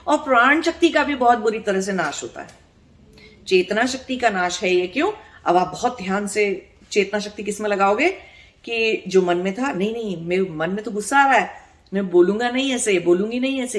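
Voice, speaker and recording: Earnest woman giving a spiritual talk. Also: mid-range voice. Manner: explanatory, asks rhetorical questions and checks in with the listener; earnest, repeats words for emphasis. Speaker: spiritual teacher. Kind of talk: spiritual discourse.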